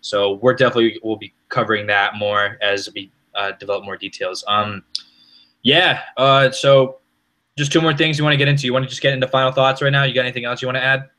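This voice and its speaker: A young man co-hosts a casual podcast, his voice bright and forward. He talks in a lively, rambling way, often restarting his sentences as he goes. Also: medium pitch, fast. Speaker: podcast co-host. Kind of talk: casual chat.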